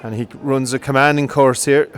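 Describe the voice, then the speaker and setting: A medium-pitched male commentator narrates greyhound coursing as it happens on an outdoor field. He's brisk throughout, and his voice rises with excitement during the runs.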